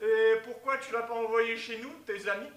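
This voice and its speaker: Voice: mid-range voice, steady tone, moderate pace, lightly acted. A performer playing a suspicious, cowardly Greek man in a farcical stage comedy, nosy and melodramatic. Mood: curious, eager. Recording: roomy, distant mic.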